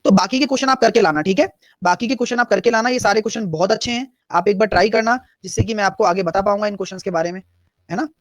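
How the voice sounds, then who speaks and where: A man's voice: high-pitched, rapid-fire, no echo. Hindi-speaking male teacher, live math class. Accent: Hindi-English mix. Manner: explains step by step, answers chat questions.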